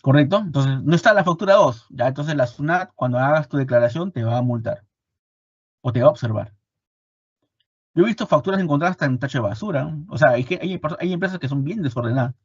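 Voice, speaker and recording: A man with a Peruvian Spanish accent teaching an online class, animated and repeating his points with rhetorical questions. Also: a little high, fast talker, breathy edge, dry recording, dull audio. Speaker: instructor. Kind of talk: online lecture.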